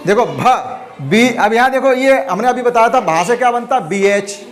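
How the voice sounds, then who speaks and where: Over loud music, a male primary teacher with a very high, lively voice teaches at normal speed, patiently spelling out words one letter at a time and repeating them. Chattering kids fill the noisy classroom around him.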